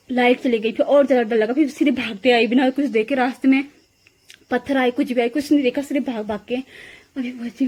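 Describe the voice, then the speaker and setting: A woman's voice: sits high, a little mellow. A woman vlogging on her phone camera, chatting casually and laughing as she retells a scare, first walking outside at night and then at home. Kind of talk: casual vlog chat.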